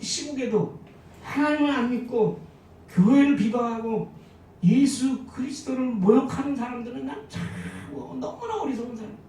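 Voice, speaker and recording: A woman's voice: fairly high pitch, mellow, distant mic, slight background noise. A woman pastor preaching a sermon, asking her listeners many questions and swinging her emphasis. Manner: rhetorical questions, varied emphatic delivery. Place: church sanctuary. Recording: echoey church hall from afar.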